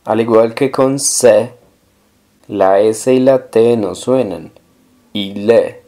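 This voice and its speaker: A man teaching a language lesson, explaining pronunciation step by step and repeating each example slowly. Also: medium pitch, dark tone. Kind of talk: slow, careful language lesson.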